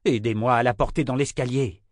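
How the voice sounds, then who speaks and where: A man reading a novel aloud and voicing a grim, wounded male swordsman who leads the others, in a low, firm, clipped voice. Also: fairly even intonation, fairly quick, dry recording, studio quality, close to an everyday voice.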